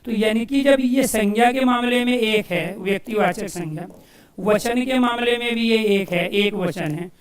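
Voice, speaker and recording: A male coaching teacher giving a Hindi grammar lesson for exam students, asking questions and answering them himself and repeating key phrases slowly as if dictating. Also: high-pitched, reverberant, recorded from a distance. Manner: addresses listeners as dear friends.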